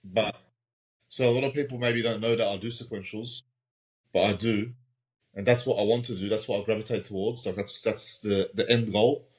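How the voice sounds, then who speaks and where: A man's voice: fairly low pitch, steady tone, moderate pace, low-quality recording. A man, a guest in a casual interview, talking thoughtfully with many ums and repeated words. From Australia. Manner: thoughtful, hesitant, repeats words and says um often. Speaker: guest comic artist.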